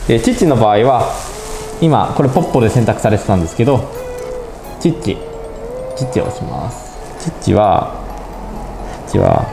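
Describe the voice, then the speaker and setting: Here the robot pet channel's young presenter keeps his mid-range voice at a normal speed, though his pitch swoops wildly and he slips into vocal fry and long pauses. He talks casually and politely, narrating each move in the phone app and thinking aloud. Faint music plays in an echoey indoor space.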